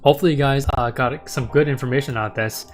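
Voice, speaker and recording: This stock market livestream host talks fast in a raspy, sore, medium-pitched voice with fairly even intonation. His casual chat rambles, repeats words, and is often tagged with "right?" and "okay?", while faint music plays behind him.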